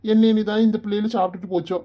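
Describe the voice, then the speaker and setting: A woman voicing a caring village father in an animated cartoon, soothing and fatherly. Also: mid-range voice, very fast, lo-fi sound, close to an everyday voice. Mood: comic. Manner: soothing, fatherly advice and comic storytelling. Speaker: father figure. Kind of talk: Tamil cartoon voice acting.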